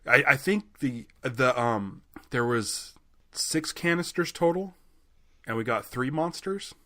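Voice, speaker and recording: A man's voice: medium pitch, slow pace, bright, forceful tone. A man co-hosting a podcast, chatting casually, laughing easily and hesitating now and then. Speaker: podcast co-host. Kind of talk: casual chat.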